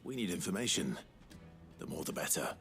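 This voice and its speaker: An actor playing a calm, measured warrior hero in a video game. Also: male voice, very deep voice, gravelly, faint music behind, exaggerated voice. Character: steady, serious young male warrior hero.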